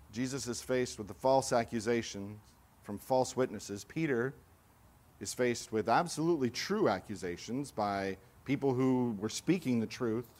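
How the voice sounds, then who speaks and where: A man preaching a sermon at a middle pitch, swinging from loud, emphatic lines to hushed, low asides. He raises his voice to act out accusers, then drops back to a quiet, sober tone. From California. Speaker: pastor.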